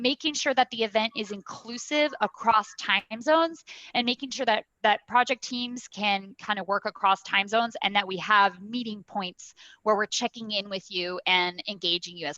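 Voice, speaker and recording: Woman, event host, chatty, upbeat, bright, dry muffled call sound. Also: on the high side, dry recording. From United States. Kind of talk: casual video call chat. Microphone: video call.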